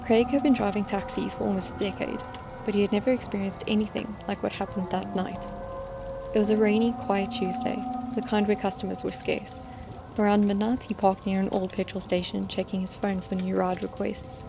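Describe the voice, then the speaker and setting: A woman reads scripted horror stories in a measured, suspenseful storytelling manner. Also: medium pitch, flat delivery, creaky. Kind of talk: scripted scary-story narration. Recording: music bed behind the voice.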